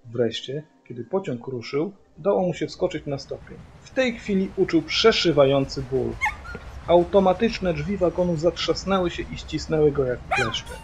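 A man reading a children's book aloud as a father, with steady, even storytelling. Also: a little high, moderate pace, slight background noise. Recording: dull lo-fi audio via hearing aid, faint music.

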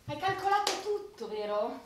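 An actress playing a sharp-tongued, scornful wife in a live stage comedy, with a cutting, sarcastic delivery. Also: female voice, high voice, very animated, normal speed, noisy background. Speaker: stage actor. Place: theatre stage. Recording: echoey hall from far off.

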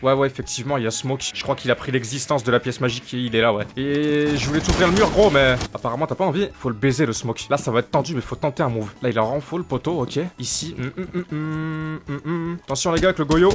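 A man streaming live gameplay, commentating to viewers and teammates, excitable and swearing freely. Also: medium pitch, fast talker, few pauses, noisy background. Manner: addresses viewers as "les gars". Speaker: gaming streamer.

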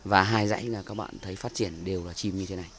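A Northern Vietnamese man talks fast in a low-pitched, fairly bright voice with fairly even intonation, giving an easygoing tour of his outdoor aviary. Fillers and repeated words run throughout, and the handheld camera recording has slight background noise.

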